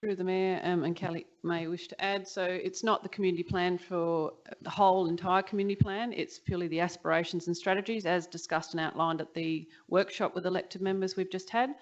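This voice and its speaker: A woman council officer answering a question at a meeting, explaining the plan clearly. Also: lowish voice, fairly even intonation, brisk, hardly any pauses. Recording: dull muffled council chamber audio.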